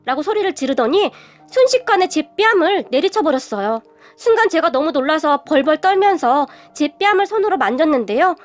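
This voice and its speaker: Young woman reading out her own story, high pitched, soft music under it. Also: animated, a little fast. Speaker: narrator. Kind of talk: scripted first-person story narration. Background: faint music.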